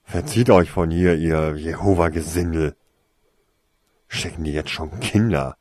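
A man's voice: extremely low pitch, unhurried, darkish tone, dry recording, clean studio sound. A man voicing a rude, grumpy middle-aged man who snaps at strangers at his door. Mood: hostile. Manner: snapping, hostile.

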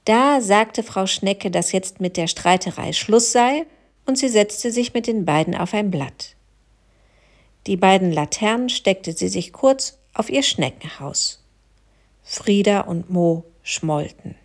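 A woman narrating a children's story in a gentle, expressive way. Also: mid-range voice, takes it slowly.

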